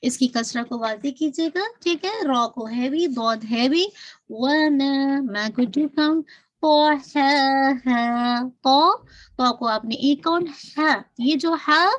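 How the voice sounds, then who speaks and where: A woman with a high, light voice leads a patient recitation lesson. She stretches the verses out slowly and clearly, then drops into quick, friendly explanations, regularly checking that her listeners follow along. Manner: patient, repeats "ٹھیک ہے؟" to check understanding; drawn-out slow recitation between quick explanations. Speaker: Quran recitation teacher. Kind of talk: tajweed lesson with slow modeled recitation.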